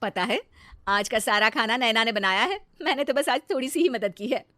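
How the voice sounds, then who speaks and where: A woman voicing a kind, patient young sister-in-law, gently reassuring and helpful, in a storybook tale. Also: fairly high pitch, moderate pace, dry recording, pitched above the performer's own voice. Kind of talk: storybook character acting.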